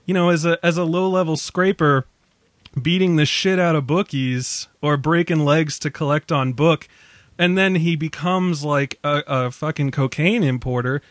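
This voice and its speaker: A man's voice: a little high, normal speed, dry recording. A man casually discussing a film on a podcast, rambling and laughing often. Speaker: podcast co-host.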